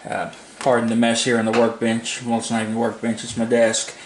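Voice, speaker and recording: At a home desk, a hobbyist reviewer gives an unscripted product demo in a monotone, medium-pitched voice at a fairly quick pace. He's plain-spoken, informal and rambling, and the room is echoey with faint background noise.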